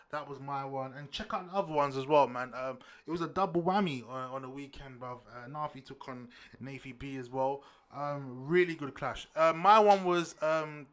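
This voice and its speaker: A man with a London roadman accent hosting a casual solo sports podcast, talking in street slang and often repeating himself as he addresses listeners. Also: a little high. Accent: London roadman, urban British slang. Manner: slangy, repetitive shout-outs and addresses to listeners. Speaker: podcast host.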